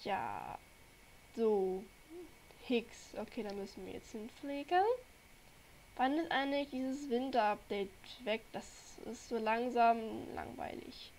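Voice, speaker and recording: Speaking into a desk mic from home, a young German woman who hosts a gaming channel chats to viewers in a relaxed, rambling way as she plays, despite having a cold. Her voice sits a little high, and she takes things slowly, giving each thought its time. There's slight background noise behind her casual gameplay commentary.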